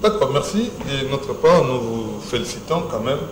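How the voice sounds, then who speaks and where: A man's voice: mid-range voice, animated, moderate pace, a little hiss or hum. Emphatic Congolese man hosting in an echoey studio. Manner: emphatic and rhetorical. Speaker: talk show host. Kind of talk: studio talk show, mixing French and Lingala. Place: TV studio set.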